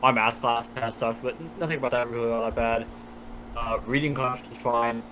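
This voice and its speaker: A man's voice: mid-range voice, flat delivery, fairly quick, noisy background. A man co-hosting a podcast in casual chat, who mostly gives short replies and then states his opinion emphatically. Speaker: podcast co-host. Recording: crowd of voices in the background.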